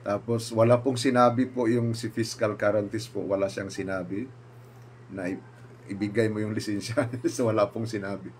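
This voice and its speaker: A man's voice: on the low side, moderate pace, slight background noise. A man, a pastor, telling a personal story and acting out what others said. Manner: animated, acts out quoted speakers with raised voice.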